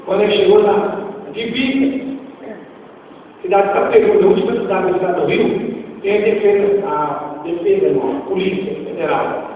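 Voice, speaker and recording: High-voiced man testifying in an echoey hall. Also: normal speed, pauses often, a little hiss or hum. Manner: lively storytelling, keeps calling the listener "irmão". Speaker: church member giving testimony. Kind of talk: spoken testimony in a church service. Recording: tinny, distant, echoey hall recording.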